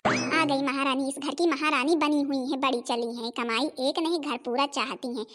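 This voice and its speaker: A woman's voice: high voice, fairly even intonation, normal speed, a bit bright, slight background noise. Woman doing a scheming, sneering mother-in-law type. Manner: scolding, sneering, scheming asides. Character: scheming older woman, meddling mother of the bride. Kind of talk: Hindi cartoon voice acting.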